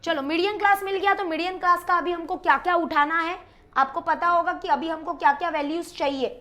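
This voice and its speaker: A woman's voice: very high-pitched, fairly even intonation, fairly quick, a bit bright. A woman teaching a math lesson at a board, counting aloud, mixing in English terms and quizzing the class. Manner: mixes English terms into her talk.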